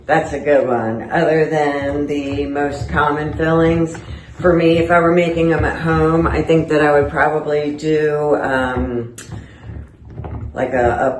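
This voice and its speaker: A woman in a casual chat, musing in a relaxed way. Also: deep voice, roomy sound, slight background noise, poor audio. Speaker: interviewee.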